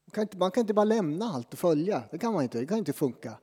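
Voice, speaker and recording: Pastor in a dark-toned echoing hall. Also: male voice, high voice, very animated, husky. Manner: conversational, self-deprecating preaching with dramatic pauses. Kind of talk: sermon. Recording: long reverb from a church hall.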